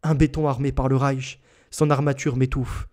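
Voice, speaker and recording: A man narrates a literary first-person text in a slow, solemn, deliberate manner. His voice is dark and mellow, with a relaxed warmth under the gravity of the words. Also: medium pitch. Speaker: audiobook reader.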